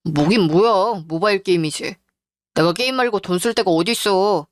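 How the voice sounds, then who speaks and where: A woman with a medium-pitched, everyday-sounding voice, speaking at a moderate pace in studio quality with no echo, plays a husband who has lost his job. She portrays him as sulky and defensive.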